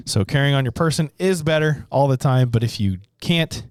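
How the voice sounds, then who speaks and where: A man co-hosting a podcast in casual chat, explaining things to listeners in a relaxed, rambling way. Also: mid-range voice, normal speed, no echo, studio quality. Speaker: podcast co-host, gun shop staff.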